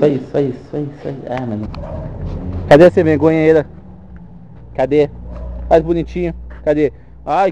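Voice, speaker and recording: A man's voice: fairly high pitch, warm tone, dull audio, a little hiss or hum. A man with a Brazilian accent, coaxing his pet in playful sing-song baby talk. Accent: Brazilian Portuguese. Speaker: pet owner.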